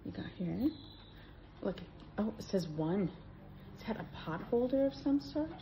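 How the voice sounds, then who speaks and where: A middle-aged woman from Minnesota unboxing craft mail, gushing and excitable with lots of gasps. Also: medium pitch, unhurried, creaky, noisy background. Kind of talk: casual unboxing vlog.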